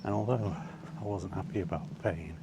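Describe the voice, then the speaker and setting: A British vlogger talks at a normal speed in a low voice while walking outdoors in a park. He rambles casually, hesitant and mildly grumbling, and the clip carries noisy outdoor ambience.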